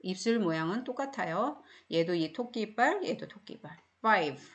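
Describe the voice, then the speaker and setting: A woman's voice: mid-range voice, animated, moderate pace, lo-fi sound. A middle-aged woman teaching phonics in a recorded online English lesson, speaking with a Korean accent and explaining each word patiently with many repeats.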